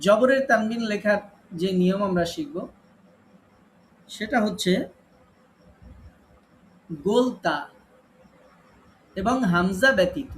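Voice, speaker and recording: A man with a high voice teaches an online class on Quran recitation. He explains step by step and patiently repeats the main rules. There is a faint hiss of noise under his voice. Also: animated, slow, long pauses, a bit bright, poor audio. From Bangladesh.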